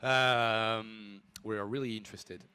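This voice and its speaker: A man's voice: lowish voice, steady tone, measured pace, background noise. A man casting a live esports stream in a casual, playful chat with his co-caster, sometimes slipping in French words.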